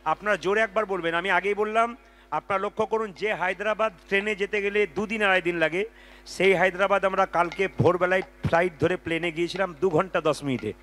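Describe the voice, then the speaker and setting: A man preaching between devotional kirtan songs, energetic and urging the crowd to chant along. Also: high-pitched, quick pace. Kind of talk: devotional kirtan with spoken sermon and call-and-response chanting. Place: large outdoor devotional gathering with crowd. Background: folk music with tabla.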